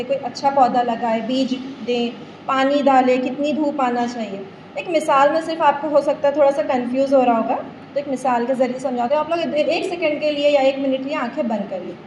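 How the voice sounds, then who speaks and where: A woman's voice: high-pitched, darkish tone, muffled recording. A woman life coach giving a talk on mental health to a group, explaining with everyday analogies and often checking whether listeners understand. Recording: echoey room, faint background noise.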